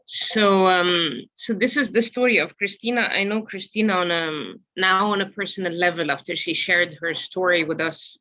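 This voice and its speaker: A woman presenting a storytelling workshop webinar, talking hesitantly with many filler pauses. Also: fairly low pitch, pushed and bright, rough recording. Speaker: workshop speaker.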